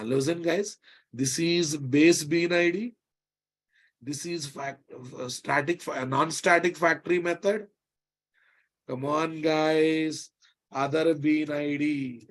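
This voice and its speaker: A man with a Telugu Indian accent gives a live technical lesson in a fairly high-pitched voice. He is emphatic, repeats key phrases and punctuates his explanation with short checking questions. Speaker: programming instructor.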